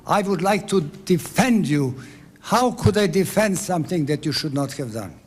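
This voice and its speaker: Serbian accent guy in the audience, earnest and formal, bit high voice, stumbles sometimes. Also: lively intonation, normal speed, a little mellow, husky. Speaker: audience member asking a question. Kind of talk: formal remarks from the floor.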